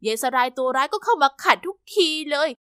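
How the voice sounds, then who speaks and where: Young female narrator for an animated story, high and bright, dry close recording. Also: fairly quick, no echo. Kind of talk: first-person story narration.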